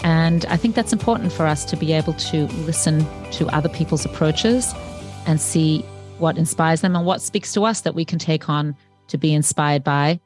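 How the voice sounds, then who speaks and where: A woman's voice: low-pitched, moderate pace, a little mellow, faint music behind. A woman co-hosting a podcast, speaking enthusiastically and conversationally. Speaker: podcast co-host. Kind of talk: casual podcast talk.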